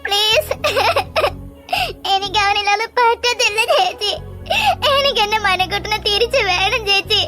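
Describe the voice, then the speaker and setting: A woman's voice: very high voice, moderate pace, sharp tone, faint music behind. A voice actor playing a tearful young woman in a cartoon, crying and pleading over and over. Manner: pleading, sobbing, repeats "chechi". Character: tearful young woman begging for her ex back. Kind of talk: cartoon voice acting.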